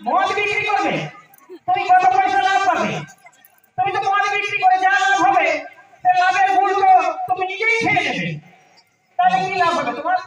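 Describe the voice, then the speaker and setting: Extremely high male voice, exasperated presenter acted by a man, nagging, repetitive, comedy straight man, distant, very echoey. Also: fairly quick, long pauses, a bit bright, a faint crowd, slight background noise. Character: exasperated male show presenter urging sobriety. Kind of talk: live stage comedy skit. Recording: distant, heavily echoing stage sound.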